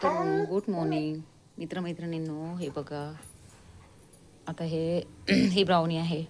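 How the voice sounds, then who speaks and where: A woman vlogging at home, calm asides to viewers mixed with high, coaxing baby talk to her dog. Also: a little slow, slight background noise. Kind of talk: casual vlog talking to her dog.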